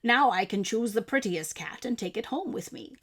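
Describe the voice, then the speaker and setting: Lady reading as a sweet earnest old man in a storybook, simple gentle talk. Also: fairly high pitch, expressive, moderate pace. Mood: delighted. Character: very old man, gentle, eager cat lover.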